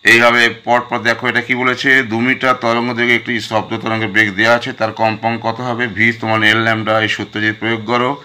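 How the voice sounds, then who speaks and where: With a Bengali accent and a lowish, bright, forceful voice, a man leads a school physics revision lesson. He works through the questions one by one, addressing his students directly.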